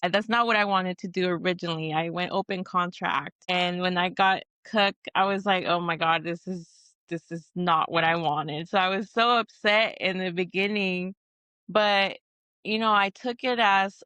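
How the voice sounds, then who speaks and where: Low, smooth-voiced woman from Texas. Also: fairly bright tone, dry recording. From Texas, USA. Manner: earnest, with frequent restarts and fillers. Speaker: guest, Marine veteran. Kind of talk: conversational interview answers.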